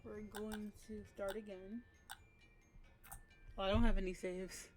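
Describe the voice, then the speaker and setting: A woman's voice: mid-range voice, flat delivery, a little slow, a little mellow, faint music behind. A woman playing a game on video, reading the dialogue aloud and joking in casual slang. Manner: playful slangy banter, reads game lines aloud. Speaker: gaming video creator. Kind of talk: let's play commentary with read-aloud dialogue.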